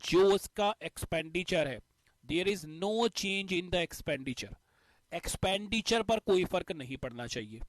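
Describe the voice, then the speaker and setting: A man's voice: high voice, expressive, slow pace, no room sound. A male teacher explaining a math concept step by step, repeating the key points. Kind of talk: exam-prep math lesson.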